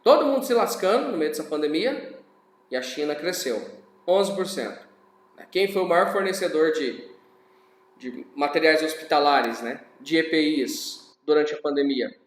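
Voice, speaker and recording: A man's voice: fairly high pitch, lively intonation, normal speed, echoey room. A man teaching a recorded class lecture in a conversational way, often checking in with tag questions.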